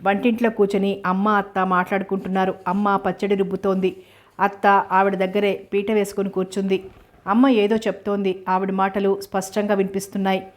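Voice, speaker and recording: A woman reading a first-person novel aloud in a steady, even manner. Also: medium pitch, brisk.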